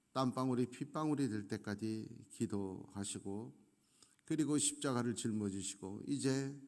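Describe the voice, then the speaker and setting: A middle-aged male pastor gives an earnest sermon at a mid pitch. He slows down and leans on key phrases. His voice rings out through a large, echoing church sanctuary. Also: a little mellow. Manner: earnest preaching with slow, emphatic pauses. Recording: echoey church hall.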